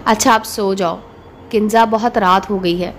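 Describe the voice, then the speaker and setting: A woman's voice: mid-range voice, steady tone, unhurried, a little hiss or hum, close to an everyday voice. A woman voicing a playful, affectionate young husband in a read-aloud story. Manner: fond, playful.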